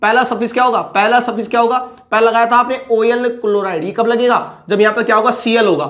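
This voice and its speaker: A man's voice: extremely high pitch, fairly even intonation, quick pace, fairly bright tone. Chemistry teacher quizzing his own class. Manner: asks a question, repeats it, then answers it himself. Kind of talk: recap lecture with call-and-response questions.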